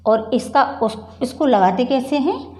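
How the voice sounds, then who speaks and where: This is a slow board lesson for children led by a middle-aged woman who patiently repeats words and questions her primary school class. She speaks unhurriedly in a high-sitting, animated voice with a darkish tone.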